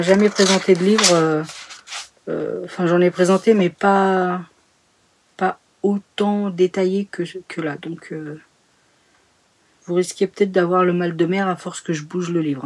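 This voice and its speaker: Woman, sewing vlogger, somewhat low voice, chatty, hesitant, lots of fillers. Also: breathy edge. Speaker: sewing YouTuber. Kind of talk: casual book review vlog. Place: home sewing room.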